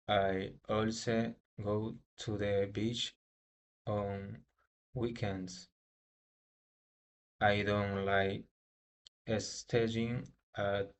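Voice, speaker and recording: Very slow, halting Peruvian man. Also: on the low side, clear, resonant tone. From Peru. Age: 30s. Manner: halting, restarts cut-off words. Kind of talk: read self-introduction for an English class.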